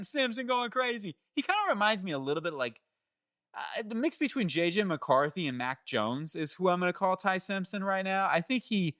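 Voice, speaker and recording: A man hosting his own channel, talking through football draft picks in a chatty, animated way that jumps up in pitch when he gets excited and often corrects himself. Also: dry recording, studio quality. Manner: chatty, self-correcting, laughs at own slips. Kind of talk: solo sports analysis talk.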